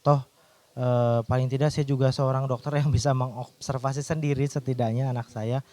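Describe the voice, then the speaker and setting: A man's voice: mid-range voice, fairly even intonation, normal speed, warm tone, dry recording. A man, a doctor, telling a personal faith testimony in an earnest storytelling way, with restarts.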